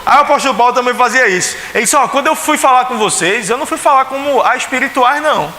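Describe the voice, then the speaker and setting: Extremely high-pitched, animated and fast-talking, this pastor sounds pushed and bright as he preaches in a Pernambuco Brazilian Portuguese accent. In the echoey, faintly hissing church sanctuary, he chats, poses rhetorical questions, and acts out the voices of those he quotes.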